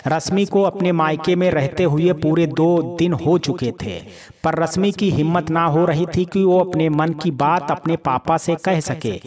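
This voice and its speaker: A man's voice: on the high side, unhurried, darkish tone. Man narrating a family drama. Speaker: storyteller.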